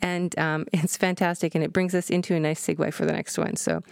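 Low-voiced woman hosting a music show. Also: flat delivery, moderate pace, creaky, clear, resonant tone, no echo. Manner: enthusiastic, chatty, corrects herself mid-phrase. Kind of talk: casual presenting between songs.

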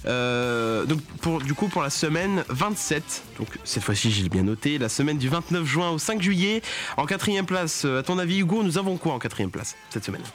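A man's voice: on the high side, sing-song, normal speed, a bit bright, faint music behind. A young man hosting a casual radio segment, rambling with many fillers and joking exasperation. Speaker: radio show host.

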